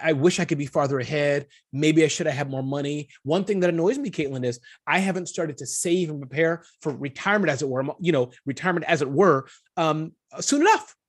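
Husky male guest entrepreneur, casual and candid, talks in bursts. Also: a little high. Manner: animated, self-deprecating, lots of restarts. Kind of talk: casual podcast interview.

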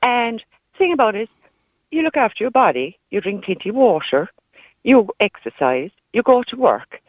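A woman's voice: mid-range voice, big pitch swings, normal speed, no room sound. Blunt Kerry woman on a phone line. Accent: Kerry Irish. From Ireland. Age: 50s. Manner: blunt, no-nonsense, emphatic. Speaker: radio phone-in caller. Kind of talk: opinionated casual chat. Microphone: phone call. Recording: muffled narrow-band phone line.

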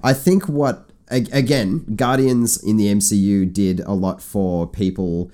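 A man's voice: fairly low pitch, unhurried, dark tone. A man co-hosting a casual podcast chat, enthusiastic and rambling with restarts. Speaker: podcast co-host.

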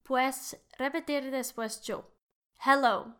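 A woman's voice: fairly high pitch, slow, fairly bright tone, smooth. A woman who speaks Spanish as a second language, with an English accent, hosting a language lesson and modelling phrases for listeners to repeat. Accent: English-speaking learner of Spanish. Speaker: language teacher, podcast host.

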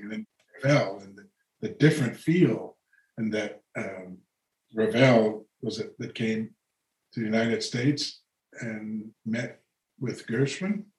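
A man's voice: mid-range voice, reverberant, rough recording. An older man, a retired orchestral horn player, telling rambling anecdotes as an interview guest, laughing often and restarting his sentences. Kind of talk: relaxed storytelling conversation.

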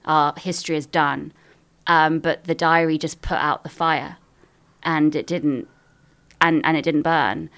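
A British woman with a slightly low voice and a bright, forward tone. She talks frankly and casually, as in a close conversation. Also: fairly even intonation, a little slow. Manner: frank, conversational, swears freely. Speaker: novelist. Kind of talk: casual intimate chat.

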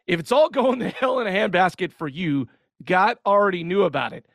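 A man's voice: sits high, big pitch swings, fairly quick, creaky, fairly bright tone, no room sound. A man hosting a podcast, introducing segments in a wry, casual tone and tossing questions to his co-host. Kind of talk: casual commentary on sermons.

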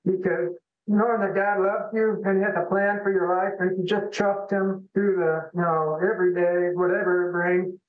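A man's voice: high voice, little pitch movement, moderate pace. A man on a call-in show, telling a personal story in an earnest, folksy way. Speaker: guest. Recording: tinny phone line with echo.

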